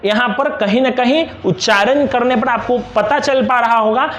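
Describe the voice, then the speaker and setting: Man, young adult, grammar teacher, high voice, echoey room. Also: fairly bright tone. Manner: slow, patient, repeats each example word. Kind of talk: classroom lesson explaining examples on a board.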